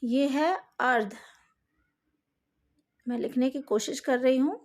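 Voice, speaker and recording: Slow, high-voiced woman teacher. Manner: careful, slow, spells out each vowel sound; speaks to students directly, asks them to fix slides. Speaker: Hindi teacher. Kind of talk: recorded online lesson.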